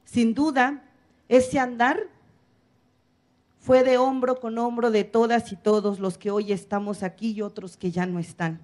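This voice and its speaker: A middle-aged Mexican activist stands at a podium in a large, bright hall, reading a formal, solemn speech from notes at a public apology event. Her voice is fairly high and darkish, with fairly even intonation and a measured pace, and she builds her points in rhythmic lists of short phrases. A podium microphone on a stand picks her up, and she is filmed from afar.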